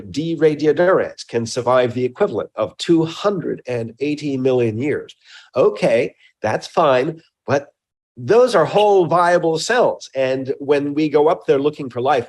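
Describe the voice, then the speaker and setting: A man being interviewed as a scientist, explaining his research emphatically and haltingly, often repeating words. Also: medium pitch, a little mellow.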